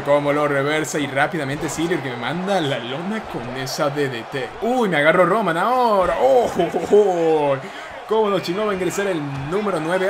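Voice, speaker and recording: Young argentine dude hyped up commentating his game, swears a lot, kinda high voice. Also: background noise. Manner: excitable, exclamatory, swears casually. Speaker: gaming YouTuber. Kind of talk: gameplay commentary.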